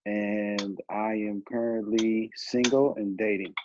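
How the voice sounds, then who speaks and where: A man in his thirties from Chicago, a podcast guest giving brief, unhurried answers. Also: fairly low pitch, steady tone, dull audio, noisy background. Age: 30s. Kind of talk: casual podcast chat.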